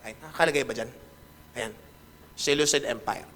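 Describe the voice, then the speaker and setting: A male pastor preaching a lively sermon, often asking the congregation questions and switching between Tagalog and English. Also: mid-range voice, normal speed. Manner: animated, asks the congregation questions and mixes in English.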